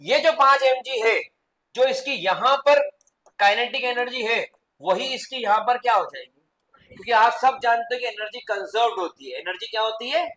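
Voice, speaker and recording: A man teaching physics in a classroom, quizzing students with quick repeated questions and mixing English terms into his explanations. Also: very high-pitched, pushed and bright, poor audio. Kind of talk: classroom lecture.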